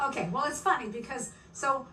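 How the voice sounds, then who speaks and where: A woman's voice: sits high, a little fast. Laughing older woman, roomy and distant. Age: about 70. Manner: animated, laughing, repeats words. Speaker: podcast guest, stand-up comic. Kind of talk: casual interview storytelling. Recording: roomy, distant mic, background noise.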